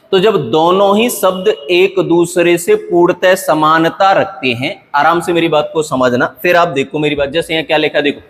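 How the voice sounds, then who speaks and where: A male grammar teacher with a fairly high voice, lecturing patiently and repeating each point. He slows right down to read example sentences with deliberate pauses. His voice rings with a long hall reverb. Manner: patient, repetitive explaining with frequent "okay" check-ins. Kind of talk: classroom lecture.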